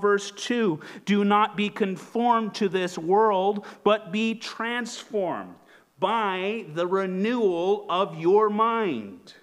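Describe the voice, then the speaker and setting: A man in his thirties preaching a sermon from a church pulpit, earnest and measured, asking the congregation rhetorical questions. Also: on the high side, fairly bright tone. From Canada. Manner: gestures broadly while leaning on the pulpit. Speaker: pastor. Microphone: pulpit microphone.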